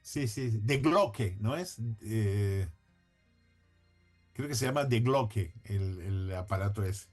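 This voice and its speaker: A man's voice: lowish voice, slow, darkish tone, soft background music. A man talking as a podcast guest, thinking aloud in a hedging, conversational way with frequent restarts and self-corrections.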